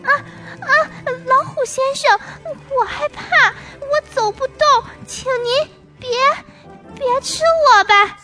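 A woman voicing a clever little squirrel in a children's story, with a high squeaky voice. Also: takes it slowly, sharp tone, soft background music, exaggerated voice. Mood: pitiful.

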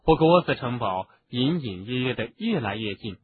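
A man narrating an audiobook in an expressive storytelling manner. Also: medium pitch, normal speed. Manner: expressive, doing voices for each character. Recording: narrow phone-like sound, faint hiss.

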